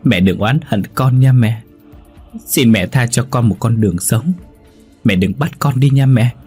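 A man's voice: fairly low pitch, animated, moderate pace, darkish tone, breathy edge, soft background music. A man voicing a terrified grown son who pleads desperately with his dead mother. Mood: pleading.

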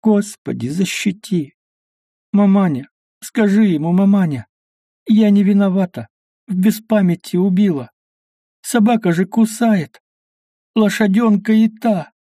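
A man voicing a young peasant woman buried alive, pleading and wailing in a high strained voice. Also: slow pace, pauses often, mellow, slightly rough, no room sound, studio quality, exaggerated voice. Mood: desperate pleading.

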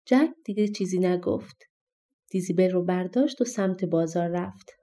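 A woman narrating a fairy-tale audiobook in a calm, expressive storybook reading. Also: on the low side.

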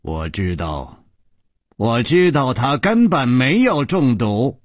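A man voicing a cold, imperious woman who rules a martial sect, in a low, slow, menacing delivery with a husky edge. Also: big pitch swings, no room sound, clean studio sound. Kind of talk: traditional storytelling broadcast.

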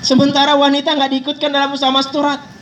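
High-voiced joking preacher, far from mic. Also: male voice, monotone, brisk, a bit bright. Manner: folksy, joking, addresses listeners as Pak. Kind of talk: sermon. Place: mosque hall. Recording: distant mic with faint traffic noise.

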